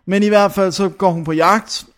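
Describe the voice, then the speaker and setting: A young man talks through a movie in a loose, casual chat, his voice sitting fairly high. He rambles, hunts for names and leans on fillers as he goes. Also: fairly even intonation. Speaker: film reviewer.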